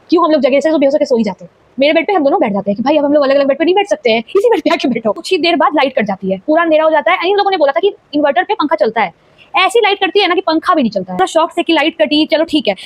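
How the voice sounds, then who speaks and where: A young woman casually telling a spooky personal story, animated and repeating phrases for emphasis. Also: high-pitched, dry recording.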